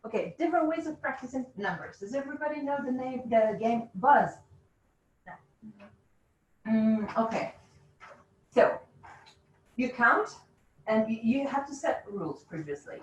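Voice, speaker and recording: A woman leading teachers through a classroom game, giving quick, instructive directions and laughing often. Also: fairly high pitch, animated. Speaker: teacher trainer. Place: classroom or training room. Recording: roomy, distant, dull classroom sound.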